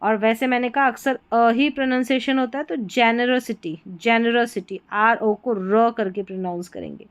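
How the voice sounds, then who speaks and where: A woman English teacher with a Hindi accent, sounding out a story word by word, spelling letters and repeating each word slowly. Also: on the high side, lively intonation, clean tone. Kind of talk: slow word-by-word reading lesson.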